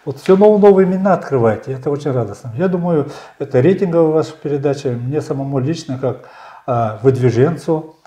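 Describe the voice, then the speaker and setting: A man in his sixties, a candidate answering interview questions in a measured storytelling way, often pausing with fillers. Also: a little high, mellow, echoey room. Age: 60s. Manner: measured, storytelling, frequent hesitations. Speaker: election candidate. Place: small bright studio.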